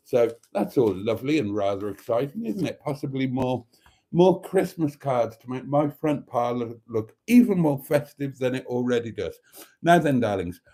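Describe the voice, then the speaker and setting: A man's voice: medium pitch, mellow. A British man hosting a live show in a chatty monologue, with a camp, theatrical, effusive and cheeky manner.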